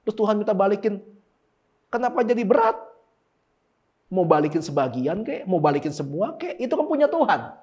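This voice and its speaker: A man preaching a casual, lively sermon and talking with members of the congregation. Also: high voice, fairly quick, long pauses. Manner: lively, animated, talks with the congregation. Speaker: pastor. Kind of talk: casual sermon with live demonstration. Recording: dull lo-fi sound.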